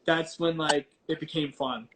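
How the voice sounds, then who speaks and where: A man with a fairly high voice talks casually and loosely as an interview guest, often doubling back on his phrases. He is using his headphones as a microphone, with faint noise in the sound. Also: steady tone, a little slow, fairly bright tone. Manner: informal, hesitant, repeats words and phrases. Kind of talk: casual chat. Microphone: headphones used as a mic. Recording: noisy headphone mic on online call.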